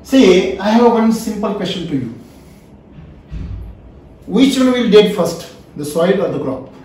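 A high-pitched man with an Indian accent teaches in an emphatic, questioning way. He repeats key phrases as he lectures. The room rings with heavy echo and the microphone sits at a distance. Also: expressive, measured pace, darkish tone, slight background noise. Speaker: trainer, lecturer. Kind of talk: interactive classroom lecture. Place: small wood-panelled indoor training room. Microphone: camera a few feet away. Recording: very echoey room, mic at a distance.

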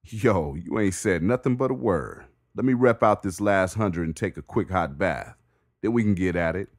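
A man's voice: on the low side, brisk, no room sound, clean studio sound, pitched above the performer's own voice, natural voice. A man voicing a confident, muscular male inmate on his last day, talking cocky and easygoing street slang, a bit above his own voice.

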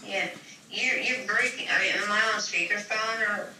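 A woman's voice: mid-range voice, moderate pace. A chatty woman over a speakerphone. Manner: chatty, casual, swears offhandedly. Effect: heard over a phone speakerphone. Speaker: relative on a phone call. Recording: echoey, distant speakerphone with background noise.

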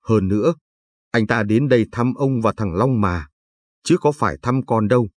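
A cross young village woman who bristles and snaps at everyone, as a man reading the tale lends her his low, breathy voice. She scolds and sulks in quick, clipped lines. The sound is dry and close. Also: no room sound, natural voice. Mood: sulky. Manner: scolding, snappish. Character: grumpy young village woman, sharp-tongued.

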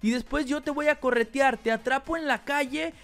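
A host playing a scheming character in a video game role-play, talking excitedly and theatrically. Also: sits high, a little fast.

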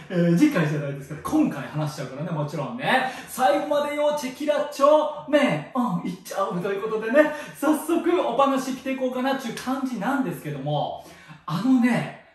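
A man talking as a spiritual counselor in a casual solo monologue, playful and jokey, tacking catchphrases onto his lines and swinging between loud bursts and soft asides. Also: high-pitched, recorded from a distance. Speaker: spiritual counselor and channel host. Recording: very echoey room, voice from off mic.

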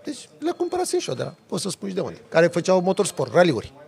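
Brief: male podcast guest, gravelly voice pitched a bit high, animated storyteller. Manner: animated, lively storytelling with sound effects. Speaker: podcast guest, off-road driver. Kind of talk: casual storytelling.

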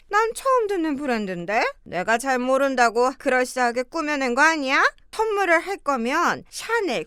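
Middle-aged mother-in-law, played by a woman, shrill and bright-voiced, belittling and sharp-tongued, for a story drama. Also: no room sound, studio quality. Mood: scornful. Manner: sneering, belittling, quick to shout. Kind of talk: audio drama acting.

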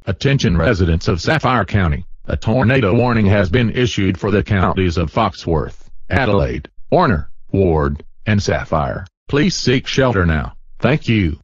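A man doing a deep loudspeaker emergency announcer. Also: animated, breathy edge, no echo, highs cut off. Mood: urgent. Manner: formal, measured public announcing. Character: stern adult male emergency announcer.

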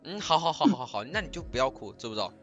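A man in casual voice chat while gaming, teasing and scolding his teammates one moment and gently coaxing a friend the next. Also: mid-range voice, sing-song, rapid-fire, lo-fi sound. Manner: teasing, swings from loud scolding to soft coaxing. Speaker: game streamer comforting a teammate.

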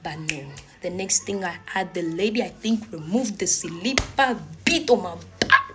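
A woman's voice: lowish voice, measured pace, background noise. A young woman in her twenties, from Congo and raised in Uganda, animatedly telling a personal story to her phone camera in a living room. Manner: animated, gesturing, laughs through story. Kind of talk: storytime vlog. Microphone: phone camera at arm's length.

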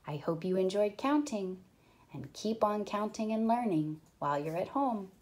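A young woman teacher reading a counting book aloud to small children, counting slowly in a sing-song way with playful whispers and excited pitch jumps. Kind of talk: counting read-aloud lesson.

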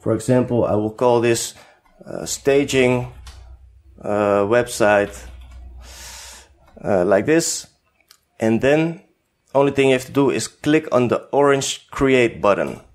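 A tutorial host from the Netherlands, Dutch as his first language and accent, demonstrates software without a script. His mid-range voice moves slowly with frequent pauses, hesitant and full of fillers.

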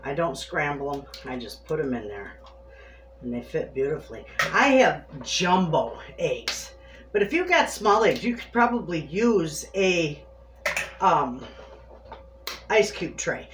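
A homesteading vlogger with a low, very animated voice gives a casual kitchen demonstration at a measured pace. She speaks directly to viewers in a chatty, homely way as she preps food, recorded in an echoey kitchen with clear background noise.

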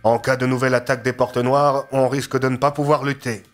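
A decisive agency chief giving brisk, commanding orders, voiced by a male narrator. The voice stays close to the narrator's own, in a storybook audio drama. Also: medium pitch, level tone, soft background music, natural voice.

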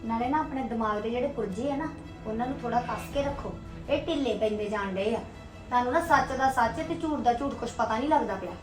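A woman's voice: a little high, fast talker, close to an everyday voice. A woman with a Punjabi accent playing a defiant young wife who insists on her place in the home. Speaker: wife, daughter-in-law. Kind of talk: family drama acting. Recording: roomy echo, faint music.

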